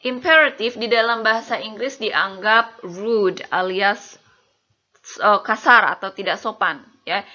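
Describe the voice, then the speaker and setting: Bright-voiced woman teaching grammar. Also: mid-range voice. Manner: slow, deliberate example sentences; checks understanding with the listener. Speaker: English teacher. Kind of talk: explaining grammar lesson. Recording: muffled lo-fi voice-over.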